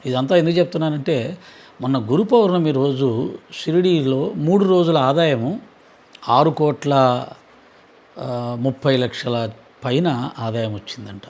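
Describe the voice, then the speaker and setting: A man giving an earnest devotional talk in a measured, preaching cadence with frequent pauses. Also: medium pitch, darkish tone. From Andhra Pradesh. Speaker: Sai devotee speaker.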